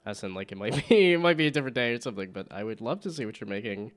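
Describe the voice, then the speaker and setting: A man's voice: medium pitch, lively intonation, very fast. A man streaming a game, chatting casually, laughing often and reading the game's text aloud.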